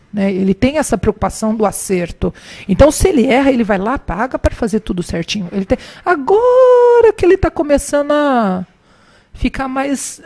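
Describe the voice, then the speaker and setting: A warm-voiced woman tells a conversational story, recounting events by acting out the dialogue with animated jumps in pitch.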